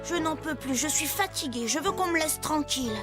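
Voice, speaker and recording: A woman voicing an eager, helpful young male tractor in a French children's cartoon, with an earnest, expressive delivery. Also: high voice, normal speed, music in the background. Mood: dejected, tired.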